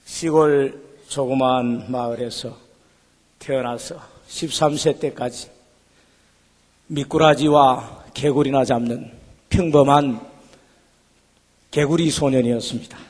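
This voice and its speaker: A man's voice: mid-range voice, fairly even intonation, slow pace, pauses often, darkish tone. A male pastor giving an emotional testimony sermon in a church sanctuary. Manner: emotional storytelling. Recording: long church hall reverb, faint music.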